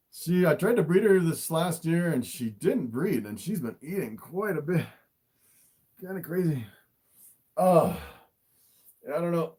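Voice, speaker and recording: Slightly high, a bit mellow and a little rough, this man's voice carries a casual livestream where he shows viewers his animals as their keeper. He's easily amazed and tends to chuckle between remarks.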